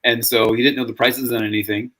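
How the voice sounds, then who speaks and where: A man's voice: medium pitch, little pitch movement, fast, fairly bright tone. A man hosting a casual podcast chat, telling stories with frequent restarts and repeated words. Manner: rambling storyteller, frequent restarts. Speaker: podcast host.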